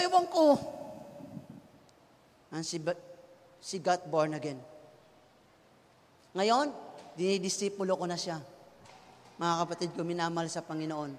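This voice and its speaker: A Filipino pastor in his thirties, preaching with a very high, bright and forceful voice. He moves between soft, low passages and loud shouts. His voice rings with long reverb, as in a big church hall. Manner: switches between Tagalog and English, swings from hushed to shouting. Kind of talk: sermon.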